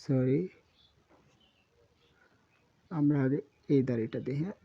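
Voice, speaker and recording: Man slowly teaching kanji, dull lo-fi sound. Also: mid-range voice. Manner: repeats words slowly, spells out syllables, often says sorry. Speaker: Japanese teacher. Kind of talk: kanji lesson while writing on a board.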